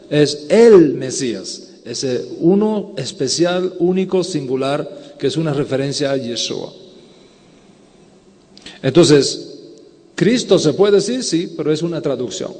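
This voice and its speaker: A man's voice: medium pitch, a little mellow. Rabbi guy lecturing at a conference, patient explainer, lots of "ok?", long echo from the hall. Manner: explanatory, often checks in with "ok?". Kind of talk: conference lecture answering questions.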